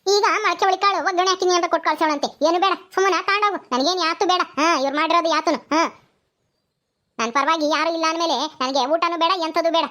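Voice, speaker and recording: A woman's voice: very high-pitched, fairly even intonation, fast talker, sharp tone. A woman voicing a stubborn, quarrelsome old grandmother in a cartoon comedy, scolding and defiant. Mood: bitter. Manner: scolding, defiant, ends lines with "haa?". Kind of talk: village cartoon comedy voice acting.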